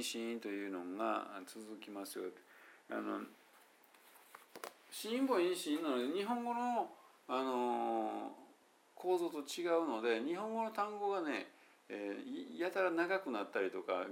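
A man with a Kansai Japanese accent giving a casual, chatty English pronunciation lesson, slowly sounding out English words to demonstrate them. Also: mid-range voice, gravelly, fairly bright tone. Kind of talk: casual solo lesson talk.

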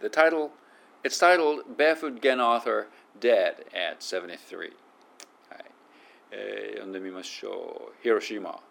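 Japanese-accented male teacher, mid-pitched and gravelly, slow deliberate reading, casual explaining. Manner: reads English slowly, then explains in relaxed Japanese. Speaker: English pronunciation teacher. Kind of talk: casual pronunciation lesson.

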